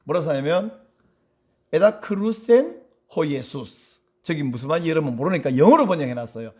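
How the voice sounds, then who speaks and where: A man preaching a sermon as pastor, talking conversationally to the congregation and acting out quoted voices. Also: a little fast. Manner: animated, acts out quoted voices with big pitch swings; conversational, asks the congregation questions.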